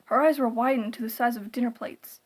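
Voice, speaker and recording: Higher-pitched woman narrating horror. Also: steady tone, a little fast. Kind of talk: scripted creepypasta narration.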